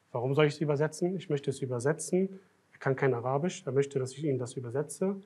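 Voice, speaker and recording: Emphatic male sheikh delivering a sermon. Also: husky. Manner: grows loud and emphatic when making a point, drops low and soft at times. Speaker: sheikh giving a religious lecture. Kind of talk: Muharram night sermon. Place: lecture hall of a foundation.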